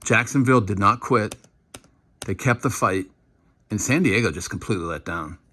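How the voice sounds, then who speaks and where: A man giving casual, animated commentary while breaking down football game film, now and then acting out what the players shout. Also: fairly low pitch, moderate pace. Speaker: football analyst.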